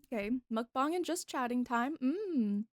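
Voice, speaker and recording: A woman's voice: sits high, expressive, unhurried, dry recording, studio quality. Bubbly young woman chatting on stream. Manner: bubbly, chatty, reacts loudly to chat. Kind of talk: casual live-stream chat.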